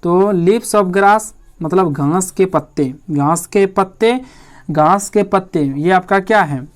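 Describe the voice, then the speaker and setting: A man teaching an exam-prep lesson in Hindi. He repeats each point, asks his own questions and answers them, and reads the English lines slowly, word by word. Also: high-pitched.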